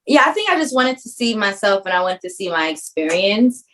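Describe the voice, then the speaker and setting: A woman's voice: medium pitch, big pitch swings, fairly quick, fairly bright tone, low-quality recording. A woman filmmaker with a Caribbean background who grew up in New York, answering interview questions in a reflective, earnest way. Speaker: filmmaker guest.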